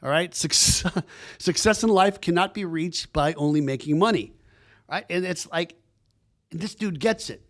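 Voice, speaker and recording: Man, podcast host, casual rambling chat, enthusiastic, slightly high voice. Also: measured pace, fairly bright tone. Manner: rambling and enthusiastic, many restarts. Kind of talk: casual chat, introducing a guest.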